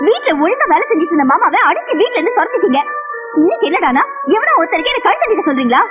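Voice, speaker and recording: A woman's voice: very high-pitched, very animated, very fast. An actress playing a defiant young woman who scolds her parents and snaps back. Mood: indignant. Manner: scolding, retorting. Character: defiant young daughter, sharp-tongued. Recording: phone-like band with film music.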